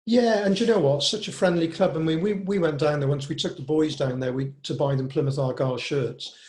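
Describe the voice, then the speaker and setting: Reminiscing chattily in a casual interview, this older man tells anecdote after anecdote; he's from Cardiff, Wales, born in Devon, and manages walking football. His voice is a little high and slightly mellow, fairly quick, captured with a roomy echo.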